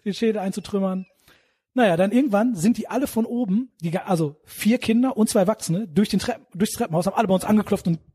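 A young man telling a story in casual chat, in rough slang, acting out the quotes. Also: sits high, dark tone, no room sound, clean studio sound. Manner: fast, rough street slang, acts out quotes. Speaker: podcast co-host telling a story.

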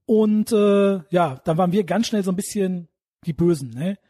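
A young man telling a story in casual chat, in rough slang, acting out the quotes. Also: high-pitched, dark tone, no room sound, clean studio sound. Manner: fast, rough street slang, acts out quotes. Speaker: podcast co-host telling a story.

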